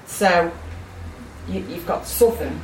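Hesitant northern English woman in the street. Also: on the low side. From Warrington, England. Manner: halting, repeats words as she thinks. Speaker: passer-by. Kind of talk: casual street interview. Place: outdoors on a street. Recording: distant, echoey, noisy street.

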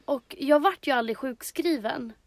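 A young woman from Sweden, co-hosting a podcast, speaking hesitantly and softly in casual chat. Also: sits high, no room sound. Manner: hesitant, soft-spoken, lots of fillers. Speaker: podcast co-host.

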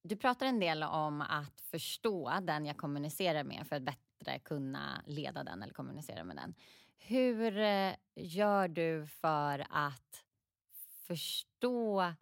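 A woman's voice: low voice, lively intonation, gravelly, no room sound, studio quality. A woman interviewer asking probing, encouraging questions.

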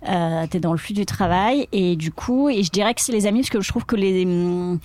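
A woman in her thirties, an actress and comedian, talks in a mid-range, darkish voice at a moderate pace with no room sound. In a casual interview conversation, she laughs often as she acts out quoted lines.

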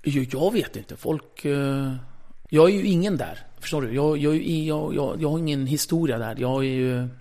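A man, a former radio host, tells a story in a casual interview, blunt and lively, swearing freely and acting out the conversations. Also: fairly high pitch.

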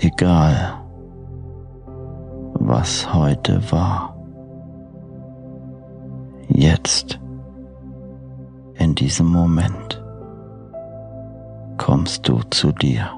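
A man narrating a sleep meditation like a bedtime storyteller, hushed and unhurried, with long pauses between short phrases. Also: rumbling low, vocal fry, faint music behind. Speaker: podcast host and meditation narrator.

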